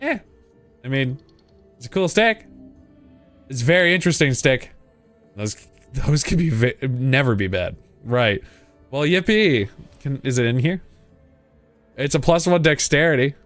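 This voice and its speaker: A man's voice: medium pitch, animated, unhurried, pauses often, fairly bright tone, soft background music. A man giving a casual, playful game playthrough, reading text aloud and muttering asides to himself. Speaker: gaming video host.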